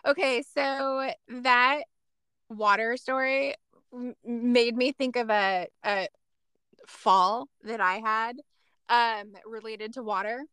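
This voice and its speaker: A woman co-hosting a casual chat podcast, chatty and quick to exclaim and laugh along. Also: a little high, steady tone, pushed and bright, clean tone, no room sound. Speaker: podcast co-host.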